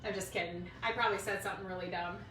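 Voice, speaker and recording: Rapid-fire and lowish, with fairly even intonation and a fairly bright tone, this middle-aged Minnesotan woman chats informally and rambles as host of a craft livestream, her accent unmistakably local. She's in a roomy space at home, and the recording is roomy and distant, with a trace of noise.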